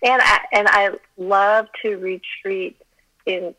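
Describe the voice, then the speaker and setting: She's a middle-aged Colorado woman, originally a Chinese speaker, appearing as a podcast guest on a phone line. Her medium-pitched voice is bright and forceful with fairly even intonation and a slow pace, and her casual interview chat is giggly and self-deprecating.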